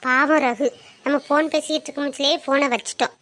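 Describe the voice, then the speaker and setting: Woman doing a chatty college girl, super high bright voice. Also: fairly even intonation. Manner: chatty, quick to reassure. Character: young woman, a college student daughter. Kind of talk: skit acting.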